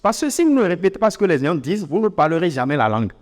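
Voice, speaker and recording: Animated African French man teaching, with reverb. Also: sits high, racing. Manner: animated, repeats words for emphasis, many fillers. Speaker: English teacher. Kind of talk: informal spoken lesson.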